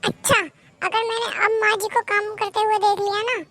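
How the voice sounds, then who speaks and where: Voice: very high voice, flat delivery, normal speed, fairly bright tone. A voice actor playing a stern young husband in a cartoon, sounding bossy. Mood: angry. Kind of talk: cartoon voice acting.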